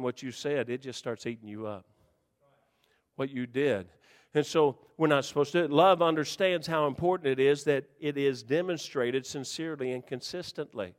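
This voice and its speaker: Male pastor, high-pitched, folksy and teasing, loud to hushed, church reverb. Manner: folksy, joking preacher who swings from shouting to hushed. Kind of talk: sermon.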